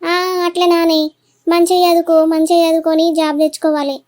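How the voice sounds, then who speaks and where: A woman's voice: very high-pitched, little pitch movement, brisk, a little mellow. Woman voicing an advising elder sister with a Telangana accent. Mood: concerned. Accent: Telangana Telugu. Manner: questioning, advising.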